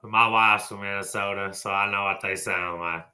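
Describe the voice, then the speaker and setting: A man's voice: on the low side, steady tone, normal speed, pushed and bright. A man hosting a college football talk show, blunt and folksy, tossing in mild swearing. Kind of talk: opinionated sports talk.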